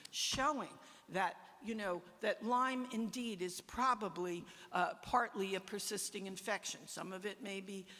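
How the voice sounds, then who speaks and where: A woman patient advocate speaking emphatically and haltingly in a frustrated exchange at a meeting. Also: medium pitch, fairly bright tone, in a large hall. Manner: emphatic, halting, repeats herself.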